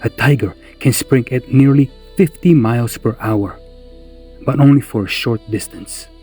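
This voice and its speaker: A man narrating a scripted wildlife documentary in a measured, solemn way with deliberate phrasing. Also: mid-range voice, a little mellow, slightly rough, faint music behind.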